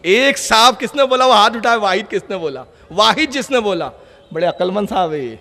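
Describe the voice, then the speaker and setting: A man preaching a sermon to a gathering, telling a story and acting out its dialogue, sometimes rising to shouts. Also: high voice, expressive. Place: public religious gathering. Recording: long reverb of a large hall.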